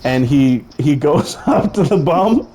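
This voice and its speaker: A man's voice: fairly high pitch, expressive, takes it slowly, dark tone. Young man, casual storyteller, rambling and swearing, faint hiss behind him. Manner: rambling, profane, laughing at his own story. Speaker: storyteller pitching a film idea.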